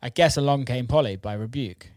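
Here a man with a brisk, mid-range, slightly mellow voice chats casually, the sound very dry with no room tone. He's a podcast host, music producer and record label owner, rambling informally about the music scene and cursing occasionally.

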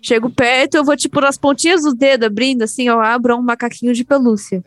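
High-voiced woman telling animated stories. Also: quick pace, dry recording. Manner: animated storyteller, acts out voices in her anecdotes. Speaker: podcast co-host. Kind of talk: casual chat among friends.

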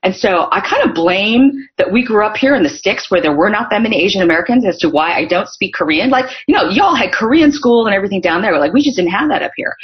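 A middle-aged woman from Northern California guests on a podcast, telling stories in casual interview conversation with lots of fillers. Her medium-pitched voice has lively intonation and moves fast with hardly any pauses, on dull lo-fi audio.

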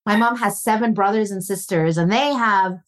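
Her voice sits at a medium pitch and moves at a normal speed as she answers podcast interview questions. She's a relationship coach of Filipino heritage who grew up in North America, and she tells family stories earnestly and reflectively, laughing warmly along the way.

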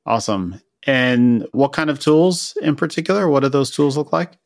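A man hosting an interview podcast, asking questions in a relaxed conversational way. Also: mid-range voice, normal speed, no room sound, studio quality. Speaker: podcast host.

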